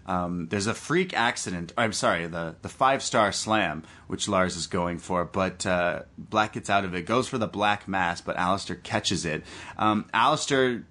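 Man, lowish voice, podcast host, casual sports recap, enthusiastic fan manner. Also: moderate pace, pushed and bright. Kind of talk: casual wrestling match recap.

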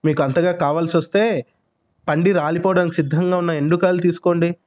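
A gentle, long-suffering coconut tree from a children's storybook, put on by a male narrator. It pleads in a raised, strained voice that sits higher than a man's usual range. The recording is muffled and lo-fi. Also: steady tone, fast talker, close to an everyday voice. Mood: reproachful.

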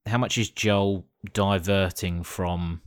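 A man's voice: low voice, fairly even intonation, slow pace, no echo, clean studio sound. A British man co-hosting a casual review chat with matey lad banter, sweary and drily joking. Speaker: podcast co-host.

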